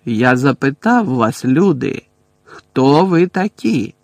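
A man voicing a proud, hostile male centaur who speaks slowly, gruffly and menacingly, in an audiobook. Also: medium pitch, very animated, no room sound, full character voice. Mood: gruff, offended.

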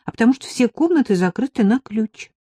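A woman voicing a timid young woman servant who frets and pleads, speaking in a raised, mellow voice in an audiobook. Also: a little high, expressive, a little fast, slightly rough, no room sound, clean studio sound, voice pushed up. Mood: anxious. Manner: pleading, fearful.

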